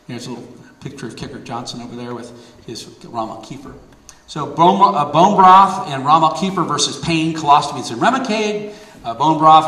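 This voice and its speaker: A middle-aged man giving a public talk and taking audience questions, energetic and fond of repeating words for emphasis. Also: medium pitch, slight background noise. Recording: roomy hall, mic at a distance.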